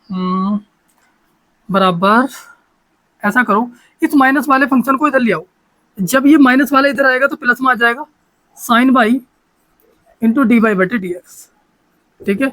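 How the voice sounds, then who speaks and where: A man's voice: very high voice, unhurried, pauses often, fairly bright tone, rough recording. A man teaching a maths lesson, talking in a repetitive, coaxing way and often checking that students follow.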